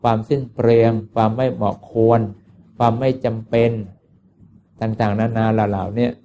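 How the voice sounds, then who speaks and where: A man, a Buddhist monk, telling a moral tale in an unhurried sermon with frequent filler sounds. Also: lowish voice, fairly even intonation, warm tone, dull audio. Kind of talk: storytelling sermon.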